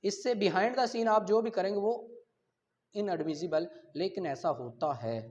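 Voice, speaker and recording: A law lecturer with a Pakistani accent speaks in a high-pitched, unhurried, darkish voice, reading articles aloud in class and then explaining them. He teaches didactically, checking that students follow and mixing Urdu explanation with English legal terms. The recording is dull and lo-fi.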